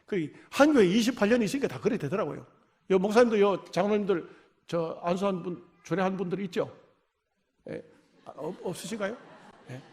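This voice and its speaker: An older man, a pastor, telling stories in a folksy revival sermon, jumping between loud bursts and quiet asides. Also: sits high, gravelly.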